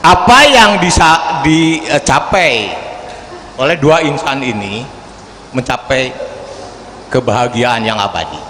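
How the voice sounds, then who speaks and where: A man in his sixties asks a question at a religious gathering, in a formal, animated way that rises to loud, emphatic bursts. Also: medium pitch, takes it slowly, long pauses. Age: 60s. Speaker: audience member asking a question. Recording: echoey hall with faint background hiss.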